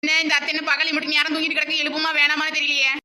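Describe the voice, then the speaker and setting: A woman's voice: sits high, completely flat delivery, rapid-fire, sharp tone. A woman with a Tirunelveli Tamil accent, voicing cartoon comedy in a complaining, protesting way. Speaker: voice actor.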